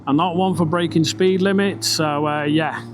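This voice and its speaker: A British man with a slightly high voice vlogs from inside his helmet while riding a motorbike. He rambles along in a casual, chatty, sweary way. Engine and wind noise run clearly behind his enclosed-sounding voice. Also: fairly even intonation, normal speed. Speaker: vlogger. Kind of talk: casual ride-along motorbike vlog chat. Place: outdoors, riding a motorbike on country roads. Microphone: microphone inside a helmet. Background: motorbike engine and road noise.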